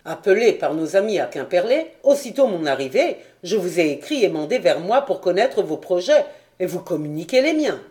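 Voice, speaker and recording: A woman voicing a weary, stern nobleman commander in a storybook reading, speaking gravely and with reproach. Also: on the low side, big pitch swings, moderate pace, warm tone.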